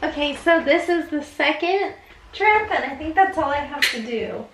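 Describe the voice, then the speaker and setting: High-voiced woman vlogging in an echoey room. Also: expressive, normal speed, fairly bright tone, slight background noise. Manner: chatty, explains each step to viewers. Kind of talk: casual vlog walkthrough. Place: at home, narrow laundry room and kitchen.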